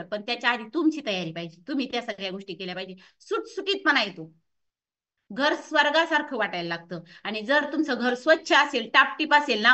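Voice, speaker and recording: A woman fitness coach giving a lively, scolding motivational workshop talk to her associates, acting out the excuses of her clients. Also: high voice, recorded from a distance.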